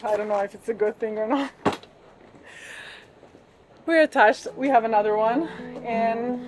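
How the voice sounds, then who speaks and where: A woman's voice: on the high side, fairly even intonation, unhurried, over music. A woman in her thirties with a continental European accent, chatting casually for a sailing vlog. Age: 30s. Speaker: sailing vlogger. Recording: noisy on-board boat recording.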